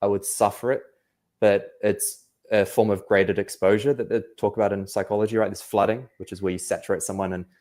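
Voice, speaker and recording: A man's voice: lowish voice, level tone, brisk, a little mellow. A young man from New Zealand, an anxiety coach talking reflectively in a casual podcast interview, with many fillers.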